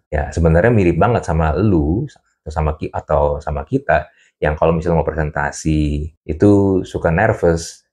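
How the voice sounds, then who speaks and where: A man hosting a self-improvement monologue, talking casually and slangily straight to the listener and acting out everyday examples. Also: rumbling low. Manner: animated, acts out examples. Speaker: podcast host.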